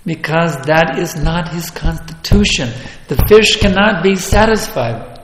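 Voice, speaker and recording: A man's voice: fairly high pitch, lively intonation, measured pace, fairly bright tone. Emphatic male preacher in an echoey hall. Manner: emphatic, rhetorical questions, repeats points. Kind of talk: sermon.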